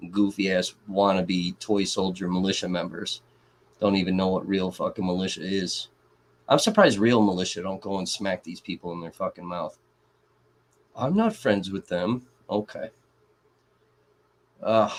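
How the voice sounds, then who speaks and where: A man's voice: sits low, steady tone, unhurried. A man from Kenosha, Wisconsin, hosting a live trial commentary stream and ranting in a profane, sarcastic way. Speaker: livestream host.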